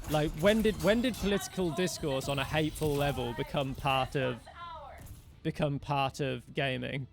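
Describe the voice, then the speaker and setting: A young man streaming a game live, chatting loosely with viewers and thanking followers as he plays. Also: a little high. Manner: rambling, talks to chat, thanks followers by name. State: losing his voice. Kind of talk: casual live-stream commentary while playing.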